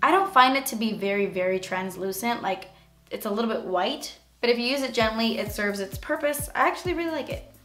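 A woman with a raspy voice today, casually talking through a makeup tutorial in a chatty way full of fillers. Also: a little high, lively intonation, brisk, a bit bright, roomy sound, faint music behind. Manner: chatty, filler-heavy, frequent "like". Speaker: beauty vlogger.

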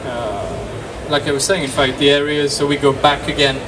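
A man's voice: medium pitch, normal speed. A man from France in his thirties, a game designer talking casually and upbeat to an audience, repeating words. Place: small dark convention room. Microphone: distant camera mic. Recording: distant mic, loud room noise.

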